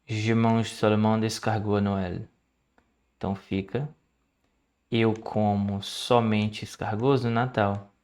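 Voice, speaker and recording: A man with a Brazilian Portuguese accent, chatting through his language study notes in a casual, explanatory way. He slows down to sound out foreign words and keeps checking in with "right?". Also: mid-range voice.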